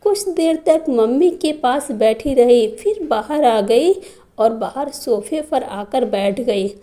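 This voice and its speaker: A woman reading a first-person family story as scripted narration, in a slow, even telling. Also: high voice.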